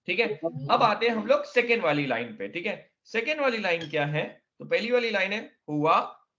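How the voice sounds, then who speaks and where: A man's voice: high-pitched, big pitch swings, normal speed, sharp tone, highs cut off. A man teaching a classroom lesson, explaining step by step and often checking that students follow. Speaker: Arabic teacher.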